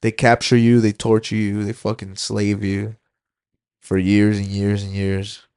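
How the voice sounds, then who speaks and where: A young man co-hosting a casual podcast, throwing in quick profane jokes and quips. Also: on the low side, completely flat delivery, a little mellow, smooth. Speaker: podcast co-host.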